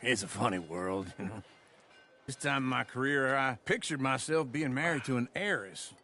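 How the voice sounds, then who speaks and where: A man's voice: medium pitch, normal speed, pushed and bright, a little hiss or hum. A man playing a chatty, wry rogue from an outlaw gang in a Western video game, rambling and familiar. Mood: genial, wry.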